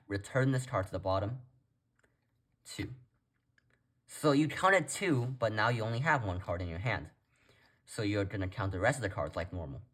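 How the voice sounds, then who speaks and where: A man's voice: fairly low pitch, fairly bright tone. A man giving a casual step-by-step tutorial as presenter, talking informally and directly to viewers. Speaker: card trick tutorial presenter.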